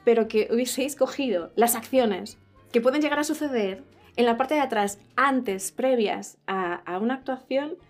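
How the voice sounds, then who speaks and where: A woman hosting a casual interview chat, lively and quick to laugh and exclaim. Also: fairly high pitch, faint music behind. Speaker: host.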